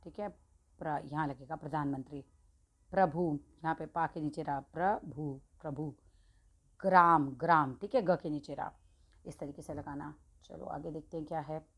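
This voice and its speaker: A woman teaching a class online, explaining patiently and repeating each word slowly, syllable by syllable. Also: low voice, steady tone, mellow, husky.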